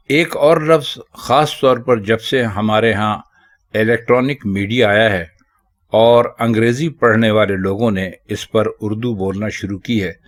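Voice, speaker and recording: A man teaching Urdu, explaining correct spelling and pronunciation of common words in a measured, deliberate way. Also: fairly low pitch.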